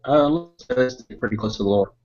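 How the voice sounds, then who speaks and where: A man heard over a dull, lo-fi call line that cuts in and out. His voice sits at an ordinary middle pitch, and he chats casually in short agreeing replies. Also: fast, darkish tone. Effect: heard over a remote call line that breaks up. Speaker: guest film reviewer. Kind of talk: casual chat.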